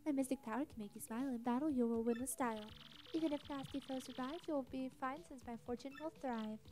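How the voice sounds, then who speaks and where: A woman plays a cheerful fortune teller from a video game. The voice is high, the patter sing-song and rhyming, with faint music behind it. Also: fast, a little mellow, natural voice. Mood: welcoming, mystical. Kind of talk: reading game dialogue aloud in character.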